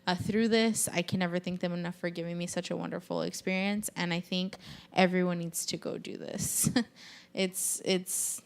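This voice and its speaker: A woman's voice: lowish voice, flat delivery, normal speed, creaky, smooth. A woman hosting a podcast in casual chat, talking animatedly with lots of fillers and frequent swearing. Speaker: podcast host.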